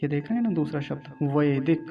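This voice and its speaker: Animated and brisk, the Vedic recitation teacher speaks in a slightly high voice as he drills Sanskrit verse pronunciation, drawing out syllables and quizzing his class. There's slight background noise, and the highs are cut off.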